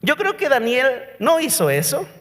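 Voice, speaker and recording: A Mexican pastor with a strikingly high voice preaches a sermon, telling a story with drama and putting questions to his listeners. His words ring through a church hall with a long tail of reverb. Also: huge pitch swings, normal speed, fairly bright tone.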